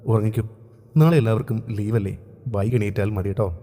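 A male storyteller voicing a caring, gentle husband who talks in a soft, reassuring way. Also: lowish voice, a little fast. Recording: long room reverb.

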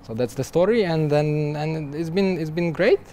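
A young adult software developer, interviewed as a guest at a conference booth, answers conversationally with frequent restarts, repeated words and light laughs. His voice is a little high and darkish, at a moderate pace. There's a little hiss or hum in the recording.

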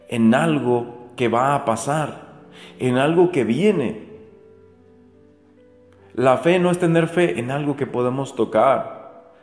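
A man preaching with earnest, repeated questions to his listeners. His voice sits at an ordinary middle pitch and rings with a long reverb. Soft music plays underneath. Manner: earnest, repetitive rhetorical questions to the faithful. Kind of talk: daily gospel reflection. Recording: echoey room with soft music.

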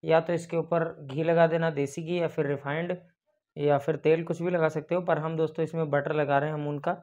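A young adult cooking-channel host narrates a baking recipe step by step in a brisk, slightly mellow voice that sits on the high side and barely moves in pitch. He keeps calling his viewers friends, and the lapel-mic sound is dull and lo-fi.

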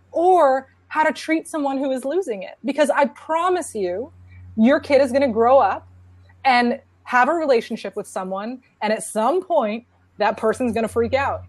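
Brief: woman panelist, earnest and chatty, fairly high voice, dry close sound. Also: no echo. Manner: earnest, conversational, many restarts. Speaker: panel speaker on parenting. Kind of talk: casual conference talk.

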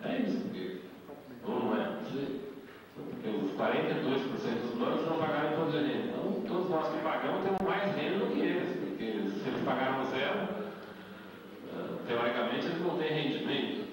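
A middle-aged invited speaker with a Brazilian Portuguese accent gives a lecture at a debate event, talking through each step and tagging on rhetorical questions, his voice fairly high, animated and brisk. He uses a handheld mic in an indoor meeting hall. A far camera picks up echoey audio with background noise.

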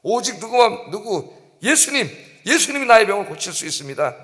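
A man's voice: high voice, sing-song, a little fast, a bit bright. A middle-aged male pastor preaching an emphatic dawn-service sermon, often prompting the congregation and crying out quoted pleas. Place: church sanctuary. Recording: long church reverb.

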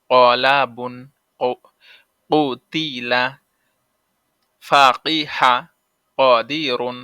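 A man with a Bangladeshi Bengali accent teaches an online lesson on reading Arabic letters. His voice is bright and clear, and the recording is dry and close. He drills the letter sounds slowly and checks in with his listeners. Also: mid-range voice, no room sound. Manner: asks "okay?" to check understanding. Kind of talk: spoken lesson.

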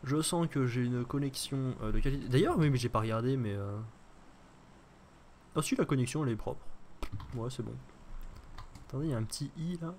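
A man's voice: medium pitch, a little fast, long pauses, a little mellow, a little hiss or hum. A man with a French accent giving casual, joking gameplay commentary as a streamer, thinking aloud as he plays. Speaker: gaming streamer.

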